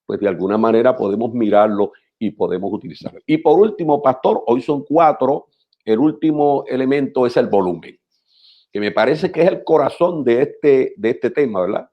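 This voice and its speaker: A man, a pastor teaching preachers in a measured, instructive radio talk who repeats phrases for emphasis. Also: mid-range voice, lo-fi sound.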